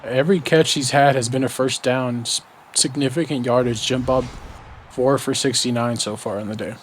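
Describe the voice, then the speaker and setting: A man giving color commentary on a game stream, chatty and quick to react. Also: medium pitch, steady tone, slight background noise. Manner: conversational analysis, quick reactions. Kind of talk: sports commentary.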